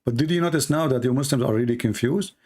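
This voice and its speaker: Quick-paced and medium in pitch, his darkish voice carries an Arabic accent from his first language, Arabic. He pushes hard in an argumentative live religious debate, firing challenging questions and hammering the same points again and again.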